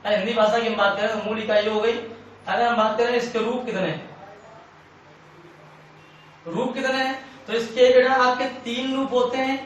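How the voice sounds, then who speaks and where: A man's voice: extremely high pitch, fairly even intonation, moderate pace, long pauses. A man teaching an exam-prep lecture, asking questions and answering them himself, repeating key points. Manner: repetitive, asks and answers own questions. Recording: echoey room, far from mic, faint hiss.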